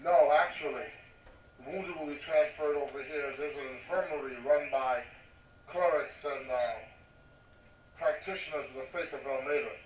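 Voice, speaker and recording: Man doing a pious male cleric healer, voice changer filter, formal and measured, echoey room, distant mic. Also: a little high, slight background noise. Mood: serene. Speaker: tabletop game player.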